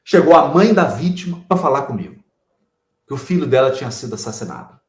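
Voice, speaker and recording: A man, a guest giving a didactic spiritual talk with animated explanations. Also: mid-range voice, a little fast, echoey room. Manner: animated explaining, addresses the host by name. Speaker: guest speaker.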